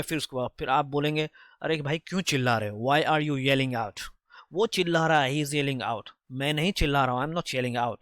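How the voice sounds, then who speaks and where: Tutor voice: a man explaining phrases, a bit high, close and dry, repeats and self-corrects. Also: fairly bright tone, smooth, no echo. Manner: reads English phrases slowly, then explains them briskly; repetitive, correcting himself as he goes. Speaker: English teacher. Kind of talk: explaining English phrases from a story.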